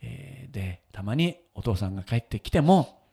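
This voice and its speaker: A man's voice: lowish voice, big pitch swings, moderate pace, warm tone, husky. A man hosting a casual radio chat, telling a moving story and often breaking into laughter. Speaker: radio show host and wedding photographer.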